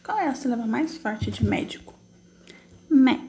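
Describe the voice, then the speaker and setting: A woman's voice: a little high, animated, a little mellow. A woman teacher, patiently correcting exercises in an online class, asking questions and answering them herself step by step. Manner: slow, drawn-out syllable spelling while typing.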